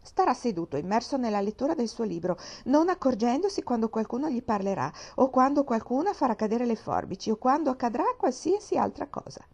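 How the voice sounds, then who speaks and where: A woman reading the part of a petulant, sarcastic young wife in a mellow voice, rising to a shrill insistence. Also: very animated, a little fast, few pauses, husky, lo-fi sound, exaggerated voice.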